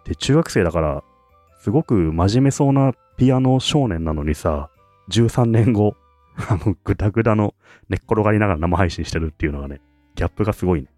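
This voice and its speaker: A man with a very low, warm voice chats enthusiastically as a podcast co-host, talking quickly. His pitch swings a lot as he laughs his way through the talk. The sound is dry and close, with faint music behind. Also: expressive, no echo. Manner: enthusiastic, chatty, laughs often. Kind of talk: casual podcast chat.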